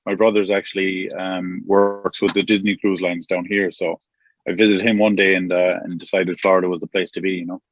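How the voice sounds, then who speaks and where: A man's voice: sits low, flat delivery, brisk, no room sound, muffled recording, faint music behind. A man from Connemara with a west of Ireland accent, chatting casually and easily as an interview guest. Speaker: podcast guest. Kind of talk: casual chat. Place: inside a car.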